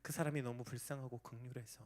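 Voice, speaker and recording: A man in his thirties preaching a sermon as a pastor, dropping to hushed near-whispers and then rising to loud emphatic outbursts, and acting out quoted voices in a sudden high pitch. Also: fairly even intonation, fast talker.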